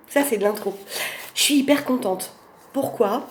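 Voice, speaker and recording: A woman's voice: a little high, unhurried, darkish tone. Effusive woman with a Portuguese accent. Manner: effusive, many fillers and restarts. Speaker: oracle card reviewer. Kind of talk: casual unboxing vlog. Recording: roomy home recording with faint background noise.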